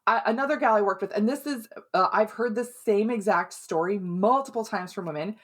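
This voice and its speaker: A middle-aged woman from Minnesota giving casual health advice, chatty and quick with asides, often tagging on "right?". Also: medium pitch. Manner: chatty, keeps asking "right?". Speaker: health and hormone coach. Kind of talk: casual advice talk to camera.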